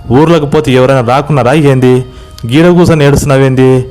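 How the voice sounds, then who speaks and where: A man's voice: medium pitch, steady tone, brisk, a little mellow, soft background music, voice pushed up, close to an everyday voice. A man doing a blunt Telangana village man. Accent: Telangana Telugu. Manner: rustic, blunt. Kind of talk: horror story voice acting.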